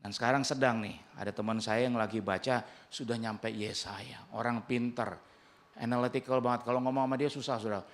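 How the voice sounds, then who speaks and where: A man's voice: medium pitch, fairly even intonation, brisk. A male pastor with an Indonesian accent, preaching a sermon in a conversational, humorous way and acting out the dialogue he quotes.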